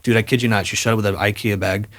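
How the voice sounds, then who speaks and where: Fast-talking young man, low voice. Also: steady tone, a bit bright. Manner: rambling storyteller, many fillers and restarts. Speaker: podcast guest, musician. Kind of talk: casual chat.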